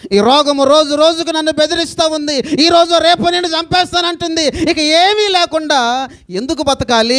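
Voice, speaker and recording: A man's voice: very high-pitched, a bit bright, pitched above the performer's own voice. A male preacher voicing a desperate woman who has been sick for twelve years, pleading in rhetorical questions.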